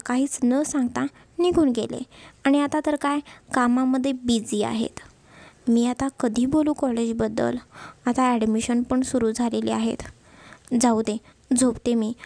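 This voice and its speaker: A woman's voice: fairly high pitch, steady tone, measured pace, creaky, a little mellow, no echo. Woman voicing a sulky young wife. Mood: sulking. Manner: sulky, pouting complaints. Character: stubborn, sulking young wife.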